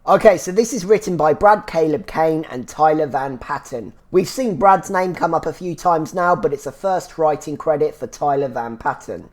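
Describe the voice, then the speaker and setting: Reviewing a TV series on his casual solo podcast, a man with a slightly congested, phlegmy, high-leaning voice talks at normal speed and rarely pauses. He rambles chattily, restarting often with "so yeah."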